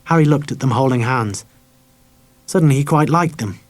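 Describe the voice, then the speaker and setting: A man narrating a children's novel as an audiobook reader, measured and quietly dramatic. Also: mid-range voice.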